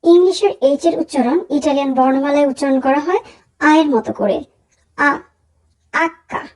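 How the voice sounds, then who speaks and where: A young woman teaching a language lesson, saying letters slowly and carefully for learners to repeat. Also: high-pitched, darkish tone, low-quality recording. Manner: slow, careful pronunciation drills. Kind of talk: spoken alphabet lesson.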